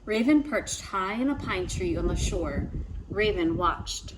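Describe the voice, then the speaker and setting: A woman's voice: mid-range voice, measured pace. A woman reading a trickster tale aloud from a picture book, prompting young listeners with questions and wondering aloud. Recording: steady background ambient noise.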